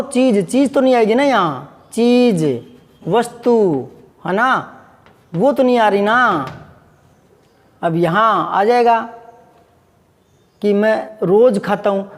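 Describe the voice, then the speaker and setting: A man's voice: high voice, takes it slowly, long reverb tail. A man teaching Hindi grammar, patiently repeating examples and asking his students questions. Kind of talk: classroom lesson.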